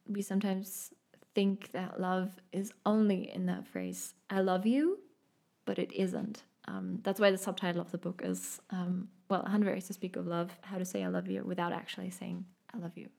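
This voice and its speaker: Woman, German accent, podcast host; gentle, reflective delivery, gravelly fry in the voice. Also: on the low side, level tone, normal speed. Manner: reflective, gentle, thinking aloud with many fillers. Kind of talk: solo podcast monologue.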